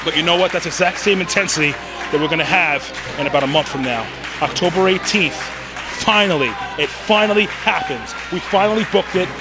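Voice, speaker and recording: A man, a pro wrestler, out of breath and excited after a match. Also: on the high side, brisk, music in the background. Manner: excited, hyped. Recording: crowd noise behind.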